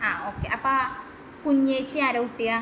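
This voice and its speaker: A woman's voice: high voice, steady tone, normal speed, fairly bright tone. A young woman, a mother and vlogger, chatting with her toddler in a casual home video and coaxing her with sing-song questions. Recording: roomy home recording with background noise.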